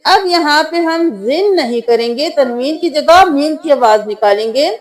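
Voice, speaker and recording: A woman teaching tajweed, spelling out letters syllable by syllable and reciting verses in a slow, drawn-out, melodic way, with patient explanations. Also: high-pitched, expressive. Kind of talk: tajweed lesson.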